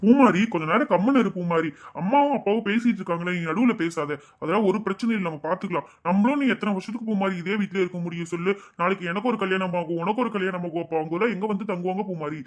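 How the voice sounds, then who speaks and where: Man playing a kind, earnest young son, quick delivery. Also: high-pitched, close to an everyday voice. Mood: soothing. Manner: soothing, earnest. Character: young working son, mid-twenties, responsible and kind.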